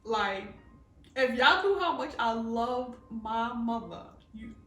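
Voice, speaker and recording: A woman's voice: fairly high pitch, animated, takes it slowly, pushed and bright, roomy sound, distant mic, faint music behind. A woman giving a fervent, preachy faith talk to camera, calling her listeners "baby" and asking if they hear her. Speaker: faith vlogger.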